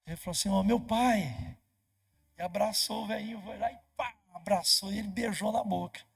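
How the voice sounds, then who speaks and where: A man's voice: sits high, moderate pace, gravelly, slightly rough. A man with a Brazilian Portuguese accent, a pastor telling a story in a sermon and acting out the dialogue as he goes. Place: church.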